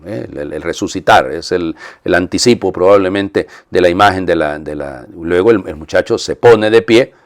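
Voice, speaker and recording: A priest preaching a homily in a low, deep voice. He explains things conversationally, pausing on fillers and checking in with his listeners, and he lifts his voice to stress key words. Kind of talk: weekday homily.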